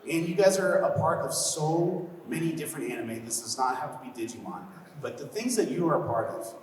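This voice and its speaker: A man's voice: on the high side, lively intonation, fairly quick, recorded from a distance. A man moderating a convention panel, upbeat and enthusiastic, laughing often. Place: large convention hall. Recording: echoey hall audio from afar, faint noise.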